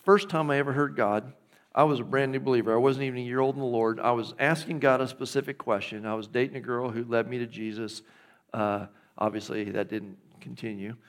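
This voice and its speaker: A man's voice: mid-range voice, fairly even intonation, fairly quick. A middle-aged man, a pastor preaching a conversational sermon in a church and checking in with the congregation. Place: church sanctuary.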